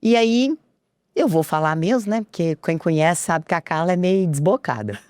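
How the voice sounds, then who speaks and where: A woman's voice: expressive, moderate pace, a little mellow, no echo, clean studio sound. A woman, a podcast guest telling a personal story and acting out the dialogue. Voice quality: low voice. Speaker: interview guest.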